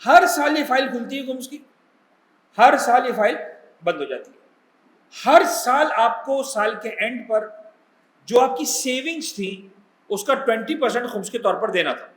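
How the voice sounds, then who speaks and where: Cleric, male, high voice, chatty religious lecture in an echoey room. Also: expressive, pauses often, a bit bright. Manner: conversational, mixes English words, asks the audience questions. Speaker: cleric teaching a pilgrimage class.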